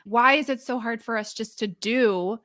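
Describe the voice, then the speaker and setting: A woman's voice: fairly high pitch, normal speed, a bit bright. Playful woman podcast host. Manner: playful, teasing. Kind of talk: casual podcast chat.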